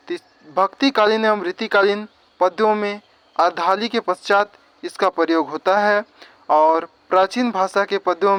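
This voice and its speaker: A man's voice: sits high, a bit bright. A male teacher gives an exam-prep grammar lesson, explaining step by step and repeating definitions.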